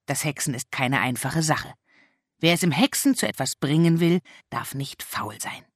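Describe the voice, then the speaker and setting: A narrator reading a children's story aloud in a lively, expressive audiobook style. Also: mid-range voice, normal speed, no echo, clean studio sound.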